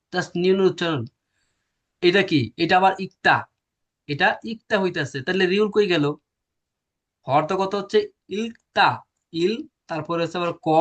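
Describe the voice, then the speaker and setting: Male teacher, a bit high-pitched, quizzes the class and answers himself. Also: a bit bright. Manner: explains step by step, asks and answers his own questions. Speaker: language teacher. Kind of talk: classroom lecture.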